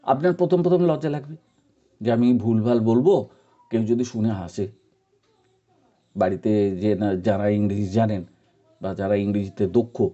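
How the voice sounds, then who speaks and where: Patient Indian man with a very dark voice. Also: lowish voice. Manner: patient, repetitive, encouraging, with many pauses and fillers. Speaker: teacher giving advice. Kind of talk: informal spoken lesson. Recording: dull lo-fi recording.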